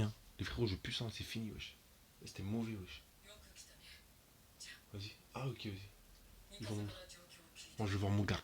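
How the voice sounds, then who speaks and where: Excitable young man with street slang. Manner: slangy and excitable, jumps high and loud when shocked. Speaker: anime reaction YouTuber. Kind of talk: casual reaction commentary to viewers.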